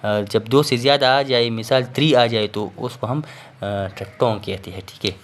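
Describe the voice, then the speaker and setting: A man's voice: medium pitch, normal speed, slight background noise. Patient male teacher explaining. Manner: explains patiently, repeats "theek hai" and fillers. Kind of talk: recorded classroom lecture.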